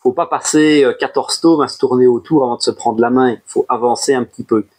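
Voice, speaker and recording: A man talking casually to camera as he reviews his monthly manga purchases, chatty and animated, with playful asides. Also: fairly quick. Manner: chatty and animated, jumps up in pitch on new titles, playful asides. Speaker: manga collection YouTuber.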